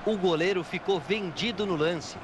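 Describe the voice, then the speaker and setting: A man's voice: sits high, moderate pace, lightly acted. A man with a Brazilian accent voicing a football co-commentator who gives analysis in a video game. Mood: analytical. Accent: Brazilian Portuguese. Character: male TV football pundit beside the announcer. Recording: loud stadium noise behind. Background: loud stadium crowd ambience.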